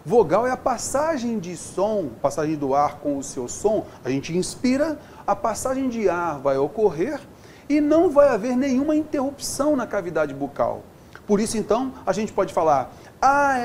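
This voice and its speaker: A Brazilian man teaching an exam-prep lesson in a chatty, upbeat way, with his pitch swinging lively up and down. He keeps checking in with the viewer. A faint hum sits behind his voice. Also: moderate pace. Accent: Brazilian Portuguese. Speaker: Portuguese teacher.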